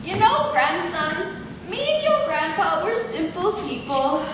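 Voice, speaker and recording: A woman's voice: very high voice, very animated, unhurried, full character voice. A woman playing a forgetful, folksy old farm grandmother in a comedic stage play. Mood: wistful. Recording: echoey hall, far mic, loud noise.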